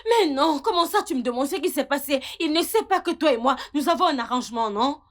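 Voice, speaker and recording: A high-voiced brazen seductress. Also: female voice, lively intonation, fairly quick. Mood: defiant. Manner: taunting, mocking laughs. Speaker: character in a dubbed film. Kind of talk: dubbed film acting.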